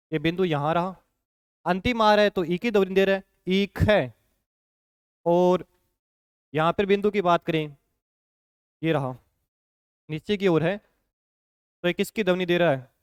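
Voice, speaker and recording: A male teacher walks through a shorthand lesson at an unhurried pace, pausing often to check that his students follow. His voice sits high and sounds smooth and clear. The sound is dry and close. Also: no room sound. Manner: patient, repeats points with frequent "ठीक है" check-ins. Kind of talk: classroom lesson explanation.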